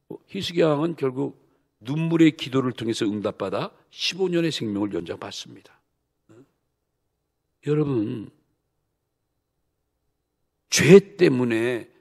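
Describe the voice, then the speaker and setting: Emphatic Korean pastor preaching. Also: male voice, creaky, breathy edge. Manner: emphatic preaching with rhetorical questions to the congregation; swings from soft low asides to loud bursts. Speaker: senior pastor. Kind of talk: sermon. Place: church sanctuary.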